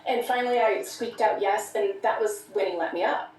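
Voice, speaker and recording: A woman telling a personal story of abuse in an earnest, measured way, as a guest in a conversation. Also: on the high side, steady tone, a little mellow, recorded from a distance. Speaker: podcast guest. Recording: echoey room, off-mic.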